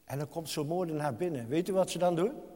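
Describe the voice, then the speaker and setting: A man's voice: on the high side, fast talker, mellow. A man preaching a sermon to his congregation, impassioned and crying out pleas to God, recorded in a church hall. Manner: repeatedly addresses the congregation. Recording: reverberant hall.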